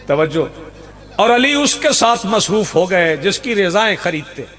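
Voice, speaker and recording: Pakistani male preacher, high voice, rhetorical outdoor sermon with repetition. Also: lively intonation, a little slow. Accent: Pakistani Urdu. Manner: rhetorical, repeats lines for emphasis, rouses the crowd. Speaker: Shia preacher. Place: outdoor religious gathering.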